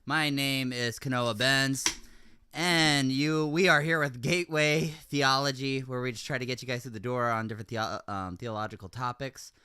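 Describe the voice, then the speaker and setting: A man hosts a relaxed talk show from his home, rambling a bit and laughing often. His voice is on the low side but bright and very clear, with a crisp edge. The room sounds dry and close. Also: normal speed, no echo. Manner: chatty, laughs often, with many fillers. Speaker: host. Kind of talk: casual chat. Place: room at home with window open.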